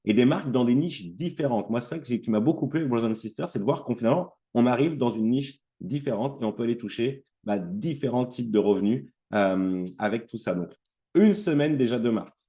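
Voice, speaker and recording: A man's voice: mid-range voice, a little fast, hardly any pauses, warm tone. A man with a sore throat giving a casual online training presentation, hesitant and full of fillers and restarts. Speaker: trainer presenting an affiliate platform.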